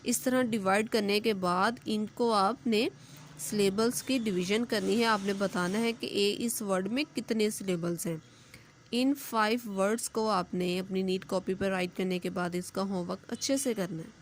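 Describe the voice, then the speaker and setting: Woman teacher, patient step-by-step lesson, slow careful reading of examples. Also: mid-range voice, steady tone, a little hiss or hum. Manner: patient step-by-step explaining, reads English examples slowly and deliberately. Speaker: school English teacher. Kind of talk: recorded class lesson explaining grammar and homework.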